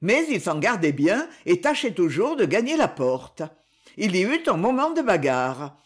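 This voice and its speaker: A narrator reading a classic novel aloud in an expressive, dramatic manner. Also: medium pitch, unhurried, breathy edge. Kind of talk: audiobook narration.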